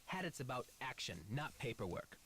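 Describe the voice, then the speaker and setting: A man's voice: medium pitch, big pitch swings, moderate pace, pushed and bright, slight background noise. An actor playing a laid-back, defiant young male activist in a mystery game, with glib, slangy, theatrical delivery. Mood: defiant, ranting. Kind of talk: video game voice acting.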